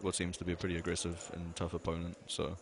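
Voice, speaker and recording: A man's voice: deep voice, completely flat delivery, fast talker, gravelly. A man giving expert poker commentary, hedging his points with lots of fillers and restarts. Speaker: poker analyst.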